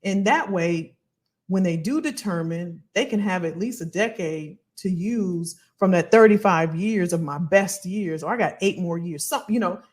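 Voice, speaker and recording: A woman hosting a casual livestream as a financial coach, animated and colloquial, repeating phrases for emphasis. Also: fairly low pitch, normal speed. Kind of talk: casual livestream talk to viewers.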